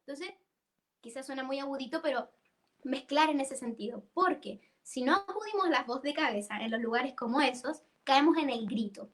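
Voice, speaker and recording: A woman's voice: high voice, lively intonation, normal speed. A young woman teaching a church singing workshop, explaining vocal registers and demonstrating them by singing.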